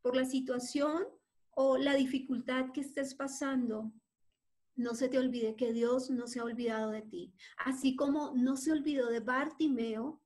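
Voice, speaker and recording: A woman preacher delivering an impassioned sermon, acting out quotations and pausing with hesitant fillers. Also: high voice, darkish tone.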